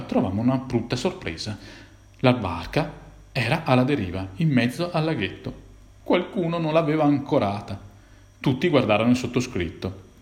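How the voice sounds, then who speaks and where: A man narrating a childhood memory in the first person, with a dramatic telling that lifts for the tense moments. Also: medium pitch. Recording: roomy echo.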